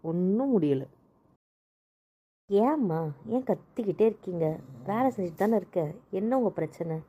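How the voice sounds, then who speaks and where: Cheeky young wife, mellow warm tone, exasperated played by a woman. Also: mid-range voice, lively intonation, moderate pace, a little hiss or hum, natural voice. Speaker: voice actor in audio drama. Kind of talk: amateur audio drama acting.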